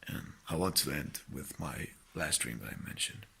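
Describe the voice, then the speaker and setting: Low husky man with an American accent. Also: lively intonation, pushed and bright. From Spain. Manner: earnest, halting, swelling to fervent blessings. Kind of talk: personal testimony and exhortation.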